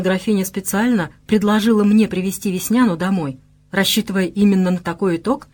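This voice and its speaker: A woman narrating an audiobook in a measured, even storytelling manner. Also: mid-range voice.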